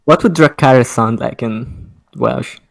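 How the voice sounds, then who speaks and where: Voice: measured pace, gravelly. A podcast co-host chatting casually and cracking jokes. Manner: joking, lively swings in pitch. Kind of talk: casual chat.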